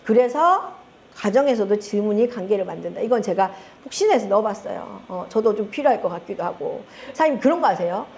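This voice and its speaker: A middle-aged woman with a Gyeongsang Korean accent gives a lively talk to a seminar audience as a network marketing group leader, teasing them and asking them questions. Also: medium pitch, brisk, slight background noise. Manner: animated, teasing, asks the audience often and laughs. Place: seminar room with a live audience.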